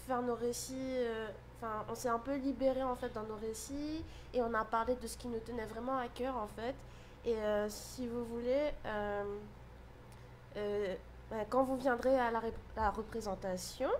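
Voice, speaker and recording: Young woman student, slightly high voice, halting answers, faint hiss behind. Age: young adult. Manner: hesitant, many fillers. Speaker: university student. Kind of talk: interview answers.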